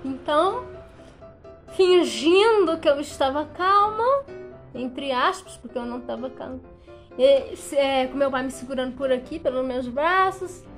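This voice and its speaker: High-voiced animated woman telling a story. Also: unhurried, faint music behind. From Brazil. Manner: animated, dramatic retelling. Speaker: vlogger. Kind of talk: casual storytelling.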